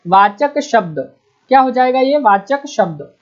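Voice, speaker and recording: A woman teaching a Hindi grammar lesson for exam preparation. She asks questions and answers them herself, repeats key terms, and reads examples out slowly. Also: high voice, expressive, darkish tone. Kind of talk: exam-prep lecture. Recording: dull lo-fi sound.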